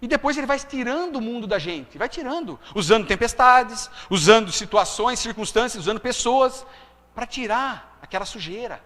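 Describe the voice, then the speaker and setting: High, bright preacher man. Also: lively intonation, normal speed, big-room sound. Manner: conversational, frequent tag questions. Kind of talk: testimony sermon.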